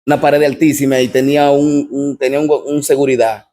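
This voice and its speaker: A man with a Dominican accent recounting his personal testimony as a guest, telling the story step by step and often pausing to ask what happens next. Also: medium pitch, little pitch movement, dark tone. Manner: repetitive storyteller, keeps asking "what happens?".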